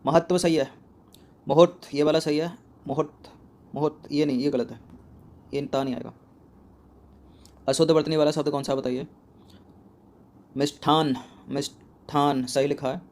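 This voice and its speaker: A man with a slightly high voice works through a spelling quiz like a coaching-class teacher. He repeats each word, asks a question and answers it himself, close on the mic. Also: fairly even intonation, moderate pace, long pauses, a little mellow.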